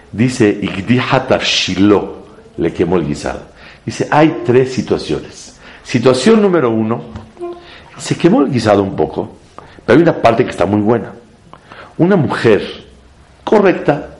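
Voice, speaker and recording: Man w teaching torah to a room, kinda low voice, jumps way up when he's making a point, drops hebrew words in. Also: a little mellow. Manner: emphatic, sweeps up in pitch to stress points, mixes in Hebrew terms. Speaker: rabbi teaching a class. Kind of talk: Torah class before a live audience.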